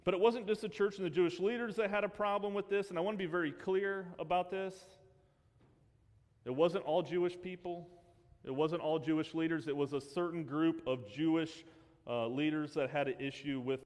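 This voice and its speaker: Conversational preacher in a reverberant hall. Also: male voice, a little high, steady tone, normal speed, darkish tone. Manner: conversational preaching, rising to fervent emphasis. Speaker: pastor. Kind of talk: sermon.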